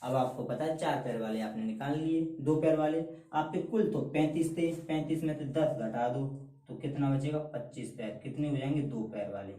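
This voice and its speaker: A man's voice: mid-range voice, moderate pace, mellow, roomy sound, distant mic, poor audio. A man teaching a math lesson at a board, emphatic, repeating key answers and calling his students "beta". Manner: calls students beta, mocks shortcut tricks.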